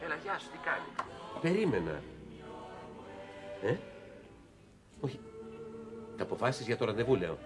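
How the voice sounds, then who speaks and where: An actor playing a flustered, scheming father and radio host in a sitcom, talking in an animated, theatrical way. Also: medium pitch, long pauses, music in the background, close to an everyday voice. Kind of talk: sitcom acting.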